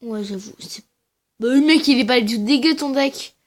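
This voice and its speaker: A woman giving casual, slangy commentary over her own gameplay, talking quietly and then shouting at big wins and losses. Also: sits high, moderate pace. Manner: speaks quietly between outbursts. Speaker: gaming channel host.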